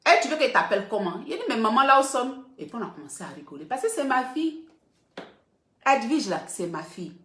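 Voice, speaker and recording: A woman's voice: on the high side, very animated, fairly quick, pushed and bright. A middle-aged woman blogger talking casually to her viewers, emphatic and repeating points for stress. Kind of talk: casual live video talk. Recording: roomy echo.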